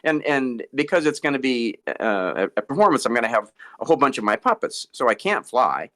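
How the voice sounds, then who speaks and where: A middle-aged man tells stories in a casual interview. He stammers over repeated words and chuckles as he goes. His pitch rises and falls in a lively way. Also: a little fast. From Boston. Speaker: ventriloquist guest.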